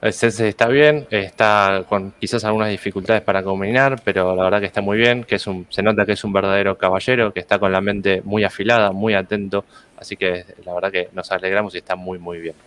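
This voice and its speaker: A man's voice: lowish voice, steady tone, fast talker, fairly bright tone. A man who is a native Spanish speaker, hosting an interview podcast politely. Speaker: podcast host.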